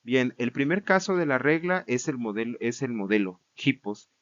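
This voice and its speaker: A man's voice: mid-range voice, moderate pace, a bit bright, muffled recording. Patient man teaching Greek grammar. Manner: patient and explanatory, with frequent checks like "¿vale?" and "¿no?"; repeats words and restarts while explaining. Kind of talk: recorded lecture.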